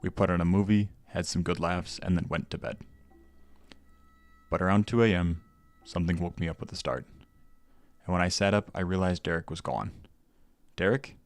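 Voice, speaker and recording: Deep-voiced man narrating horror. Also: normal speed, pauses often. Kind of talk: scripted horror story narration.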